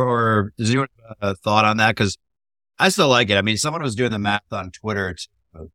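A man's voice: lowish voice, pushed and bright, no echo. A man hosting a casual investing discussion, asking loose, rambling questions full of hesitant fillers.

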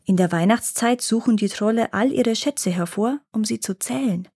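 A wise old gnome grandfather, read by a woman, recounts the old days at an even, unhurried pace. The voice stays close to a plain reading voice, calm and measured. It sounds like a storybook told aloud. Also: a little high, husky, voice pushed up. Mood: telling.

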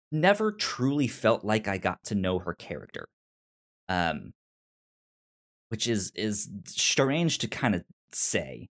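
A podcast host with a mid-range, fairly bright voice chats through a casual review discussion. He often stammers and repeats words as he feels his way through his thoughts.

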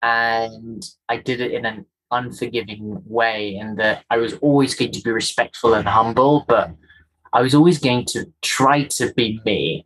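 In a rough recording, a Kenyan man speaks at medium pitch with a husky, slightly bright voice and a faint, polished accent. He's an interview guest reflecting on his own experience, earnest and emphatic, and he keeps repeating key phrases.

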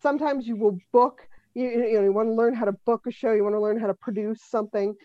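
This fifties-aged woman from Denver, a comedian and musician, guests on a podcast with wry, dry banter and frequent laughter. She talks fast in a slightly high, steady voice; the sound is lo-fi but echo-free.

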